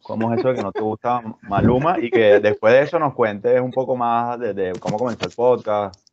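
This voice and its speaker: A man hosting a podcast, asking questions in a relaxed, friendly way. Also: mid-range voice, a little fast, slight background noise. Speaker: podcast host. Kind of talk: casual podcast chat. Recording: dull, muffled sound.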